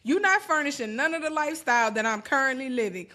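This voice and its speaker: Bright, high-voiced woman on a podcast panel. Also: animated, quick pace. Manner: firm, direct, emphatic about boundaries. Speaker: podcast co-host. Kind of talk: casual panel discussion.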